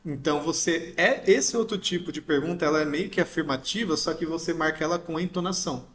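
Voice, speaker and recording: A man's voice: a little high, fast, fairly bright tone. A man teaching a grammar lesson, patiently explaining step by step and checking in with his listeners often. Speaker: English teacher. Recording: roomy echo.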